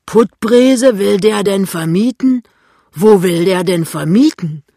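An audiobook reader voicing a gruff, fat male shopkeeper who talks loudly and grumbles. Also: medium pitch, moderate pace, dry recording, studio quality. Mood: grumbling, blustering. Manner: loud, blustering. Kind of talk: audiobook reading.

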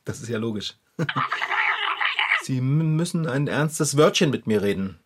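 A woman's voice: extremely low pitch, animated, a little slow, very noisy. A woman voicing a good-natured, easily flustered male bicycle mechanic who chatters and laughs nervously. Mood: nervös. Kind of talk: hobby audio drama acting.

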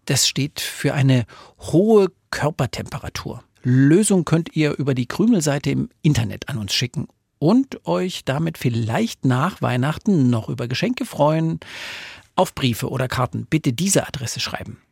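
A man hosting a children's radio show, animated and flustered, stammering when he gets confused. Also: mid-range voice, measured pace, gravelly, husky, no room sound, clean studio sound. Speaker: host.

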